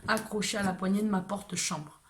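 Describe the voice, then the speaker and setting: A woman's voice: medium pitch, brisk. A woman telling a personal story to camera in a casual way, hesitant with many fillers and restarts.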